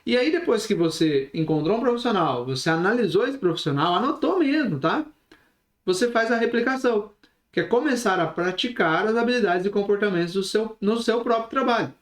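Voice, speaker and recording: A man teaching a recorded online lesson, lively, shifting his pace and volume on purpose and often asking the listeners questions. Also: high voice, fairly quick, roomy sound. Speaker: instructor.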